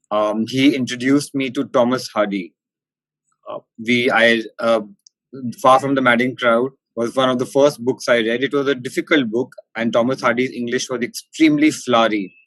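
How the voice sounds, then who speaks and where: A man with a posh, educated Indian accent, giving considered interview answers in formal, articulate diction with hesitant pauses. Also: medium pitch, fairly bright tone, dry recording, poor audio. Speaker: interview guest, company managing director.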